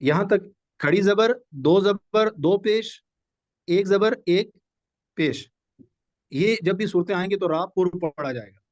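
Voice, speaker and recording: High-voiced patient tajweed teacher, man. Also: dry recording. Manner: patient, repeats rules and examples slowly. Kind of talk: live online class lesson. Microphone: video call.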